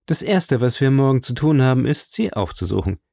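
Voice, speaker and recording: A man reading an audiobook and voicing a sharp, commanding male detective, lifting his voice above his own and often dropping to a hushed whisper. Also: medium pitch, big pitch swings, fairly quick, gravelly, no echo, studio quality, pitched above the performer's own voice.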